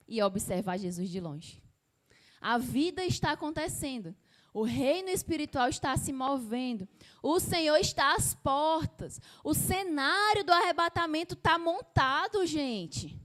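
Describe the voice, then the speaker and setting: A woman from Brazil preaching a sermon with emphasis, asking the congregation rhetorical questions and dropping her voice low and slow to act out quoted lines. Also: a bit bright.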